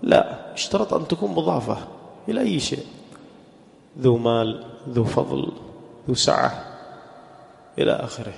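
A man's voice: medium pitch, big pitch swings, vocal fry. Man teaching grammar in a reverberant hall. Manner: quizzes students and drills example words slowly. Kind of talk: classroom lesson.

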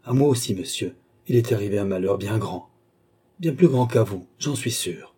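A man's voice: fairly low pitch, animated, moderate pace, warm tone, husky. A man voicing a hot-headed young nobleman who speaks in indignant, clipped bursts. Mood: furious.

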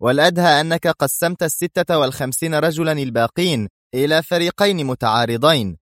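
A man's voice: a little high, fast talker, no echo, studio quality, pitched above the performer's own voice, lightly acted. A man reading a story, voicing a stern, gloating mercenary general who gets angry. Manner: firm, angry bursts.

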